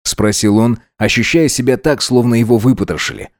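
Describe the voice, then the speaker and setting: Calm male audiobook narrator, dry sound. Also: medium pitch, a little fast, no room sound. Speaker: audiobook reader. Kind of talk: scripted narration.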